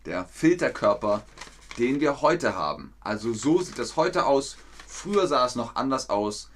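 A man teaching an online German lesson to learners, speaking slowly and clearly, repeating words and quizzing his viewers. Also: medium pitch, slight background noise. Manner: lively, with quiz questions to viewers.

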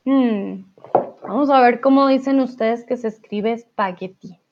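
A woman teaching Spanish in a live online lesson, explaining words slowly and spelling them out letter by letter. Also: fairly high pitch, a little mellow, highs cut off.

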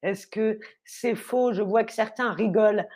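A young woman teaching French on a livestream, speaking slowly and clearly, spelling words out letter by letter and cheering on viewers. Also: medium pitch, darkish tone. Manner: upbeat, encouraging, quizzes viewers. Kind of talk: live online vocabulary lesson.

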